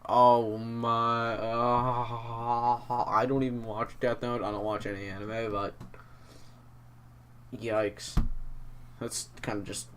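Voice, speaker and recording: A man's voice: medium pitch, little pitch movement, slow pace, pauses often, fairly bright tone, slight background noise. Young man slurring with a numb mouth. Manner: self-deprecating, stumbling over words. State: mouth numb from the dentist, slurred, struggling to articulate. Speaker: host of a Reddit reading video. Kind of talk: casual commentary, reading posts aloud.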